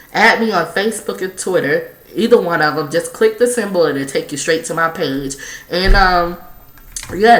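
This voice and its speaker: A young woman with a low-pitched, forceful voice talks casually to her viewers as a vlogger. Her delivery is bright and informal, full of slang and loose swearing. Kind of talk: casual chatty vlog shout-outs.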